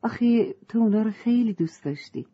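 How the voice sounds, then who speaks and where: A woman's voice: on the high side, animated, breathy edge, muffled recording, voice pushed up. A woman voicing a chirpy little butterfly. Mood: gentle. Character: little playful butterfly, cheerful.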